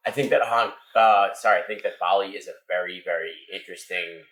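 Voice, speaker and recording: A man with a notably deep, low voice talks casually as a chef in his restaurant kitchen. He teases with dry, understated humor and explains food calmly. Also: a little fast, rough recording. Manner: relaxed, dry teasing humor. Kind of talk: casual chat.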